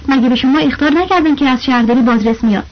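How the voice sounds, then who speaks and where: A woman voicing a well-dressed, bossy man who poses as an inspector and gives orders loudly. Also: high-pitched. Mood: angry. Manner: shouting, commanding. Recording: dull lo-fi audio.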